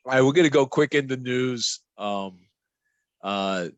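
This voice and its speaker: A man's voice: medium pitch, measured pace, dry recording. A man hosting a podcast, giving a casual news rundown with a loose, filler-heavy delivery. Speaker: podcast host.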